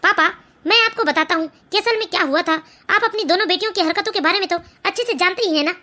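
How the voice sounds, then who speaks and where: A young newly married son in a cartoon family drama. He speaks firmly and defends himself, his voice very high and bright. He sounds reproachful toward his mother. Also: fast talker. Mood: explaining. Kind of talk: animated family story voice acting.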